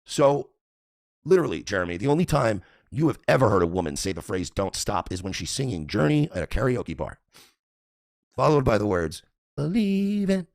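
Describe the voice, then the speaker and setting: Low voiced dude ranting on his show, swears a lot, pitch swings all over, dead dry sound. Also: big pitch swings, fairly quick, vocal fry, no room sound. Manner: profane, repetitive, mocking. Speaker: radio show host. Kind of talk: ranting commentary.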